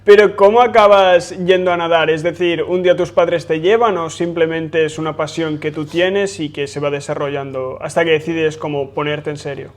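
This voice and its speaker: Male podcast host, a bit high-pitched, friendly and conversational. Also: steady tone, normal speed, few pauses. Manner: friendly, asks long framed questions. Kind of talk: conversational interview hosting.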